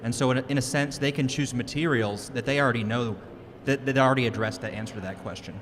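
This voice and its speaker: A man from Texas, an instructional coach, giving thoughtful, measured answers in an interview. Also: medium pitch, a bit bright, slight background noise. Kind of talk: conference interview. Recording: crowd chatter behind.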